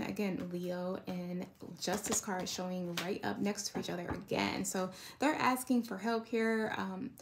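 A woman at medium pitch does a relaxed, wandering tarot reading with background noise present. As she talks through it, she often checks on the listener with "right?" and "you know."

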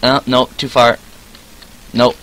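Teen male gamer narrating his play, bright voice, easily frustrated, yelps and voice cracks. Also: medium pitch, slow pace, a little hiss or hum, low-quality recording. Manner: excitable, frustrated outbursts, voice cracks. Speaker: gaming channel host. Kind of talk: live gameplay commentary.

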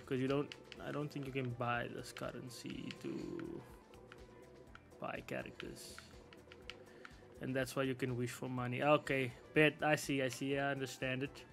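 A man's voice: medium pitch, big pitch swings, normal speed, vocal fry, over music. A man casually commenting on a video game's menus, with slangy, laid-back talk and asides to chat. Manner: slangy, laid-back, thinks aloud with frequent laughs. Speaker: gaming YouTuber. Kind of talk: casual game walkthrough commentary.

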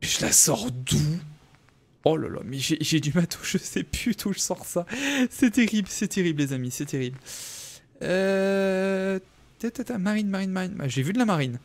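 A man's voice: high-pitched, animated, moderate pace. A young man casually commenting on his game live, thinking aloud and answering viewers in chat. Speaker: streamer.

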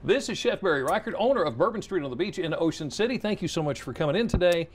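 A man's voice: high voice, animated, fast talker. A middle-aged man co-hosting a TV cooking segment, playful and self-deprecating in studio banter. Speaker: TV show co-host. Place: TV studio kitchen set.

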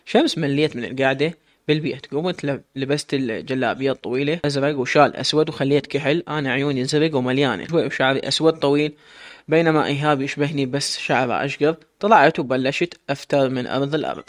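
A man voicing a spirited, sharp-tongued teenage girl in an audio story. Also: medium pitch, natural voice. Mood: lively. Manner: quick retorts, blunt.

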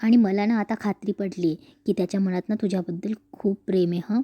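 A woman casually retelling a TV serial episode, switching quickly between narration and the characters' lines. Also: medium pitch, steady tone, mellow, no echo.

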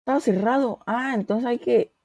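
A woman chatting casually through a game, excitable and quick to shriek and repeat herself. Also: on the high side, no echo. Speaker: gamer. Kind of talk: casual gameplay chat.

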